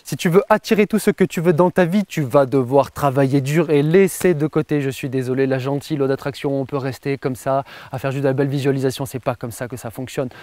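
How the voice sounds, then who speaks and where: A man's voice: mid-range voice, darkish tone, no echo. A man giving a motivational talk as a coach, emphatic and repeating phrases for effect. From France.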